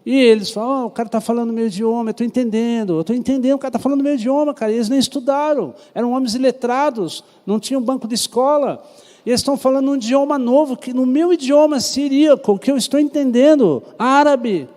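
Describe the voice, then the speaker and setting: Speaking fast in a very high-pitched, darkish voice, a pastor with a Brazilian Portuguese accent teaches a Sunday school Bible class. He stays conversational and regularly quizzes the class, while the church hall echoes with long reverb.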